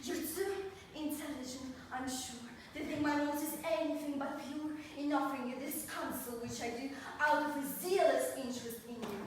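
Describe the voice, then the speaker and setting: High-voiced mocking young coquette in an echoey hall, acted by a woman. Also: steady tone, normal speed, few pauses, natural voice. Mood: sweetly sarcastic. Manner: theatrical, declamatory, barbed mock courtesy. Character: witty twenty-year-old society coquette, mockingly polite and haughty. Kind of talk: classical verse comedy stage acting. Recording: very echoey hall from far off, faint noise.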